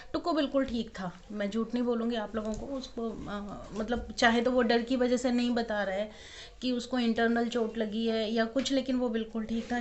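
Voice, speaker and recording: A woman's voice: mid-range voice, a little mellow. A young woman, a mother of twins, telling an emotional story in a casual home vlog, worried and acting out the dialogue. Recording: dull lo-fi audio.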